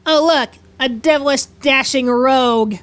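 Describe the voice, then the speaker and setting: A woman's voice: high voice, a little slow. A woman giving casual, dryly teasing banter as co-commentator on a video game playthrough. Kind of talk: casual let's-play banter.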